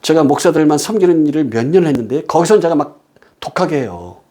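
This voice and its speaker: A man preaches a sermon emphatically, asking rhetorical questions and shifting between loud stresses and quiet storytelling. His voice is a little high, expressive and fast.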